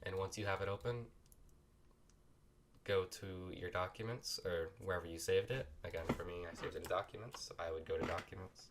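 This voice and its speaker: A man's voice: sits low, steady tone, brisk, background noise. A man with a sick voice walks through a coding tutorial in a casual, apologetic way, recorded at a home computer desk. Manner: loose and apologetic, talks while clicking through steps. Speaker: tutorial host.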